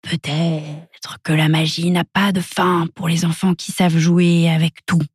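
Woman murmuring as a soft, slow, wise imaginary friend. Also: low voice, husky, voice pushed down, full character voice. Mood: gentle.

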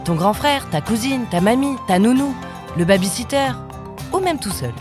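A woman's voice: fairly high pitch, expressive, moderate pace. Lady host doing the intro for a kids podcast, friendly, talking to the child, music under her. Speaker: podcast presenter.

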